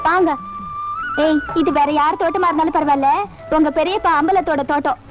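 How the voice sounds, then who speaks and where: An actress playing a quick, high-voiced village schoolgirl. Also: close to an everyday voice. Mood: impatient. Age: teens. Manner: bossy, impatient calls. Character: lively teenage village schoolgirl. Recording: dull film soundtrack with loud music.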